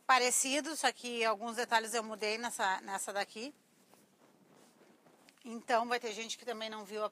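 Her voice is thin, reedy and high, carrying a sharp, slightly cracked edge: a middle-aged Brazilian woman chatting casually in a live-stream tutorial, teacher-style, often talking to her viewers. She's indoors in a small, cluttered craft workshop, using a clip-on lapel mic.

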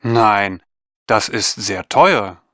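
A man's voice: fairly low pitch, animated, a bit bright, dry recording, exaggerated voice. An actor playing a man who wants to buy a washing machine, in a scripted textbook dialogue recorded in a studio. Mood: haggling. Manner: slow, deliberate speech. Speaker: buyer.

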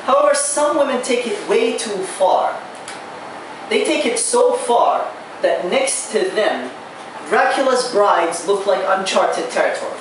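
A young man from Arabia, performing a stand-up set at an open mic in a small bar, halting and restarting his lines. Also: high voice. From Saudi Arabia. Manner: halting delivery with restarts and drawn-out pauses. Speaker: stand-up comedian. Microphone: handheld mic, recorded by far camera. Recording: echoey bar from far camera with noise.

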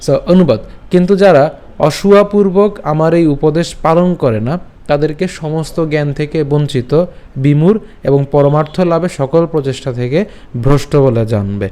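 A man teaching recitation online, patiently breaking verses into syllables and repeating them slowly. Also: a little high, mellow, clear, resonant tone. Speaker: scripture pronunciation teacher.

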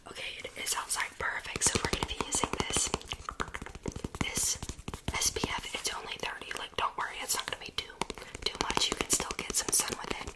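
Young woman doing whispered role-play as a sassy mean girl, fast chaotic asmr, repeats words over and over, really close up. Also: poor audio. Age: young adult. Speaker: ASMR performer. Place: small room indoors.

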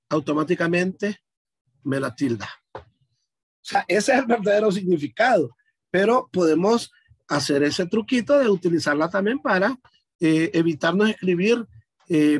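Husky-voiced man teaching an online class. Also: fairly high pitch, no room sound. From Honduras. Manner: patient, explanatory, addresses students directly. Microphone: video call.

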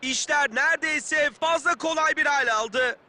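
A man doing excited, screaming play-by-play football commentary for a video game, as if calling every attack live. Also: extremely high pitch, measured pace. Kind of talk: match commentary.

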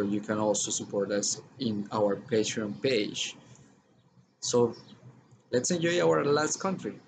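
A man, hosting a casual music chat over a video call, warm and thankful, restarting his words often. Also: on the low side, background noise. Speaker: host, musician. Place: outdoor patio.

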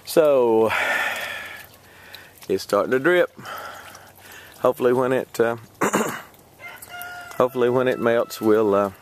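Slow-talking man rambling through his garden. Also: medium pitch, expressive, a little hiss or hum. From Texas. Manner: rambling, hesitant, many fillers, chuckles often. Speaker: vlogger. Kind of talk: casual garden walkthrough. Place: outdoors in a garden. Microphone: handheld camera.

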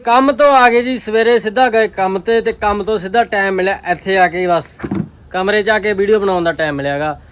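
A man with a high voice and a Punjabi accent chats casually for a vlog, in colloquial, bantering talk. Faint background noise sits behind him. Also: a little fast. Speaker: vlogger. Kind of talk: casual vlog chat with roommates.

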